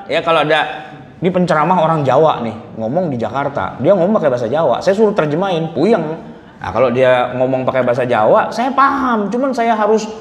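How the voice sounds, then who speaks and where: A male preacher with a lively voice that climbs and dips freely as he jokes with his listeners. His talk is loose and conversational, and he often slips into acted voices for the people in his stories. It is recorded in a large mosque hall with a long, roomy echo and a faint hiss underneath. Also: sits high. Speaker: Islamic preacher. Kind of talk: morning mosque study lecture.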